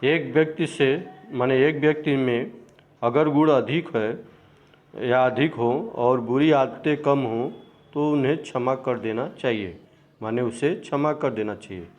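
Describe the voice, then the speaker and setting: A man's voice: medium pitch, a little slow, a little mellow, lightly acted. A man reading as a wise old Uncle Moon. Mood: instructive. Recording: dull lo-fi recording.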